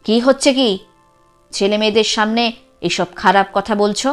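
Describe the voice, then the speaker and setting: A woman voicing a middle-aged husband who speaks softly to his wife, then scolds her, in a storybook reading. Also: mid-range voice, normal speed, smooth, soft background music, lightly acted. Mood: scolding.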